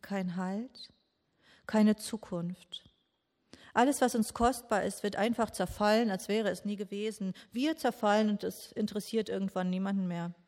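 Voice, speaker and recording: A woman giving a slow, meditative sermon in a grieving, questioning tone, with long pauses. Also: medium pitch, fairly even intonation, a little mellow. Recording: long echo of a large church hall.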